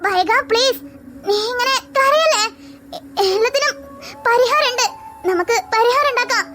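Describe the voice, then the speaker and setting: A voice actor playing a gentle young woman in a cartoon, speaking softly to calm someone down. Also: very high voice, normal speed, soft background music. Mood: soothing. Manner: soothing, soft-spoken. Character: gentle young woman, kind older-sister type. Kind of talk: cartoon voice acting.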